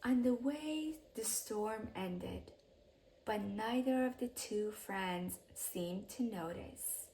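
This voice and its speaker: This is a medium-pitched woman narrating a kids' picture book in a lively bedtime manner, her lines measured and trailing off softly. The recording quality is rough.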